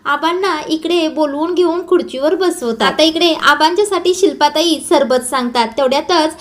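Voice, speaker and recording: A woman narrating an episode recap, telling it in a steady storytelling way. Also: high-pitched, normal speed. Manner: steady storytelling, starts lines with "now".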